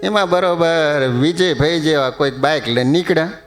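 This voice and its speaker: High-voiced man telling a sermon story. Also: faint music behind. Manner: storytelling, quotes verses in slow chant. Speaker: preacher. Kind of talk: sermon with humorous stories.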